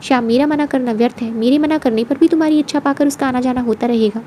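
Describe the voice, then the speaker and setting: A woman's voice: high-pitched, quick pace, mellow, a little hiss or hum, close to an everyday voice. A woman voicing a suspicious, jealous husband who scolds his wife. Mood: accusing. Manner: accusing, scolding.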